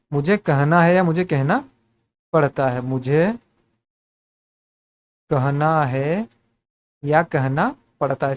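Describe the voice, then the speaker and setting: A man teaching spoken English in Hindi, asking the same questions again and again and calling his viewers friends. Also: a little high.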